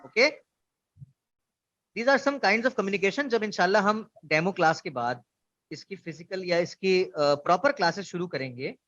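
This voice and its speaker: A man's voice: high-pitched, animated, measured pace, fairly bright tone. A man giving an online orientation lecture, explaining ideas through examples and asking students questions. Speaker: instructor. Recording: dull lo-fi online class audio.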